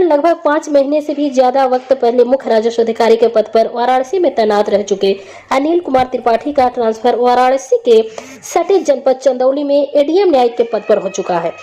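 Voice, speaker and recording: A woman's voice: high-pitched, warm tone. A woman narrating a scripted news report as a reporter.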